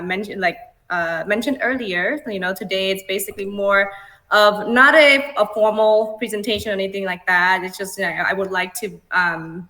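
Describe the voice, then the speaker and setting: A woman's voice: mid-range voice, bright, forceful tone. A middle-aged woman born in Cambodia, a guest speaker chatting casually over a video call, with many fillers and easy laughs. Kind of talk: casual online talk.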